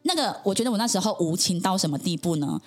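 A woman's voice: mid-range voice, expressive, quick pace, darkish tone, soft background music. A woman, a podcast guest earnestly telling her personal story in conversation, with frequent affirming interjections.

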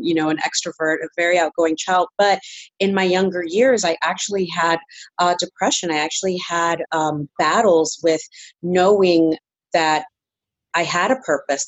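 A woman from San Francisco speaks as an interview guest, earnest and reflective, with frequent "um"s and "you know"s. Her voice sits somewhat low. The recording is dry with no room sound. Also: husky, no room sound. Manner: earnest, reflective, many fillers. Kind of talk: interview answers.

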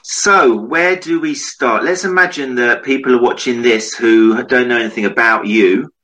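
This online show host has a medium-pitched voice with a sharp tone, speaking at normal speed over a low-quality recording. Working from a home office, he runs a casual interview, addressing his guest and the viewers informally and introducing the show to camera.

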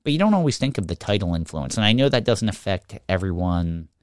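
Deep-voiced man. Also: big pitch swings, quick pace, dry recording, clean studio sound. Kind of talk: casual chat.

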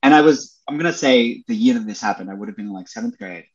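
Speaking fast at a medium pitch, a young man from Australia guests on a podcast for a relaxed interview chat. The Broadway performer sounds enthusiastic and leans heavily on "like" and "you know," and the high frequencies are cut off.

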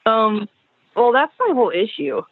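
A woman's voice: a little high, lively intonation, moderate pace, creaky, dry recording. A young woman on a phone call heard through speakerphone, talking in a hesitant, self-conscious way. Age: young adult. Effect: heard over a phone speaker. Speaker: caller. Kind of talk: casual phone chat. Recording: tinny phone line.

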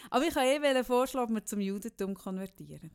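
A woman's voice: fairly high pitch, animated, racing, clean tone. A woman in her thirties with a Swiss German accent, a mother, co-hosting a casual chat, teasing her co-host and laughing often. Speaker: podcast co-host.

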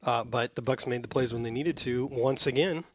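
Middle-aged male co-host, chatty and explaining, mid pitch, dry close sound. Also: normal speed, dry recording. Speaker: podcast co-host. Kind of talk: casual chat.

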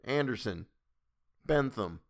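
A man voicing a brisk middle-aged official running a village lottery, formal and businesslike. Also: medium pitch, animated. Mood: calling. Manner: brisk, formal, calling out names.

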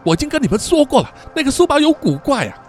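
A man voicing a panicky, foul-mouthed teenage student who keeps insisting something is wrong, over soft background music. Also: extremely high pitch, sing-song, quick pace, voice pushed up. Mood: panicked. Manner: frantic, swearing, insistent.

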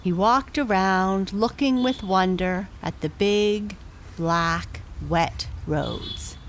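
A woman narrating a bedtime story gently, with long pauses between phrases. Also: mid-range voice, slight background noise.

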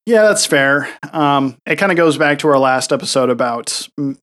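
A man's voice: medium pitch, lively intonation, normal speed, fairly bright tone. A man co-hosting a casual gaming podcast, easygoing and full of fillers. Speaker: podcast co-host.

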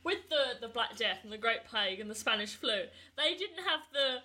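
A woman's voice: a little high, expressive, normal speed, bright, forceful tone. A woman with an English accent, chatting casually as a podcast co-host. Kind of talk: casual chat.

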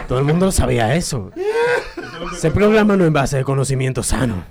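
A man's voice: medium pitch, big pitch swings, brisk, over a noisy crowd. A man hosting a comedic radio call-in show, crude and joking, laughing often.

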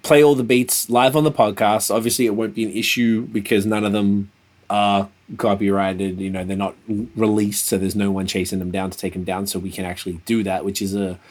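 A man's voice: lowish voice, level tone, fairly quick, darkish tone. A man chatting casually as a podcast host, laid-back, slangy and free with swearing. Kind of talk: casual chat.

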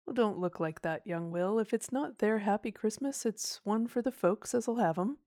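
Woman doing a slow, ominous old country farmer. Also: medium pitch, dark tone, no echo, studio quality, voice pushed up, close to an everyday voice. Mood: jovial. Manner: slow, weighty country speech. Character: elderly rural English farmer, kindly but ominous.

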